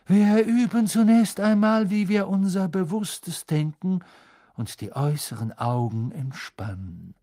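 A man voicing an eccentric older female fortune-telling teacher in an audiobook, drawn-out and airy, at times sinking to a breathy whisper. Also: high-pitched, dark tone, pitched above the performer's own voice. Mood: mystical, solemn. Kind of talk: audiobook character voice.

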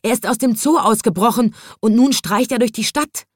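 A woman voicing an agitated policeman in a storybook reading, loud and excited. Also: fairly high pitch, moderate pace, dry recording, clean studio sound, voice pushed up, lightly acted. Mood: alarmed. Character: agitated grown man policeman, shouting.

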